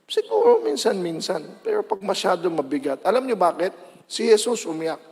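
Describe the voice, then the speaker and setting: Dramatic high-voiced Filipino preacher. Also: male voice, very animated, moderate pace, long reverb tail. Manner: dramatic, swings between loud outbursts and hushed lines. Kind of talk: sermon.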